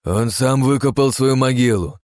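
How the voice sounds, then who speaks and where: A man voicing a furious, greedy aristocrat who shouts and snarls. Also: fairly low pitch, moderate pace, dry recording, clean studio sound, voice pushed up, lightly acted. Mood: gloating. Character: furious greedy middle-aged male aristocrat.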